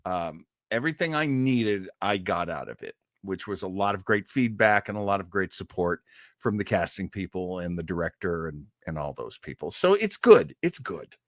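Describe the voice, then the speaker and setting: This is an actor's easygoing livestream, where he banters with viewers and often chuckles. His deep voice is sing-song and fairly bright, moving at a moderate pace, and the studio-quality audio has no echo.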